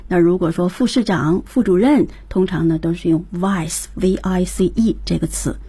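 A woman's voice: on the low side, moderate pace, warm tone, slightly rough, no echo. A woman co-hosting a radio English lesson, introducing each new word and repeating the teacher's points. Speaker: radio co-host. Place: radio studio.

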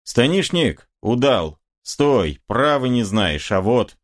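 A man voicing a lively, short craftsman who talks briskly and mockingly. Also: medium pitch, voice pushed up. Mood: cheeky.

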